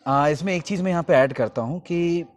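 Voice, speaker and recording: A man's voice: a little high, brisk. A man hosting an interview, asking questions politely and often backing up the guest with short agreements. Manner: polite, frequent "जी" and "बिल्कुल" affirmations. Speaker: interview host.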